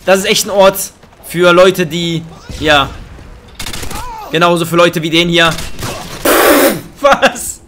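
A young man doing excitable, joking let's play commentary on a headset mic, with bursts of high laughter. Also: measured pace, pauses often, very noisy. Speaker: gaming YouTuber. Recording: faint game gunfire behind.

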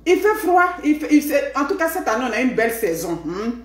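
A woman's voice: high voice, fairly quick. A middle-aged woman with an Ivorian French accent, hosting a casual live stream from home and often tagging her sentences with a questioning "hmm?". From Ivory Coast. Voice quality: lively, punctuated by questioning "hmm?". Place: home room. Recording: echoey room.

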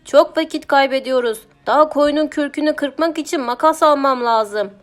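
A woman voicing a patient, sensible male farmer who reasons calmly with a tired edge, in a children's audiobook. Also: high-pitched, moderate pace, soft background music, pitched above the performer's own voice, close to an everyday voice. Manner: calm, mildly tired reasoning.

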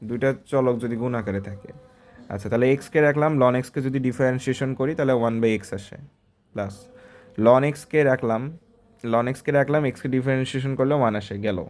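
A man's voice: medium pitch, fast, darkish tone. A male math tutor walking through exam problems step by step, talking in a conversational way and often asking the student short checking questions.

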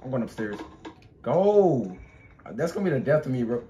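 A young man doing scared horror game commentary, excitable and easily startled, as a streamer. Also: medium pitch, moderate pace, highs cut off. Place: small indoor room at home. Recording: noisy room, clear background noise.

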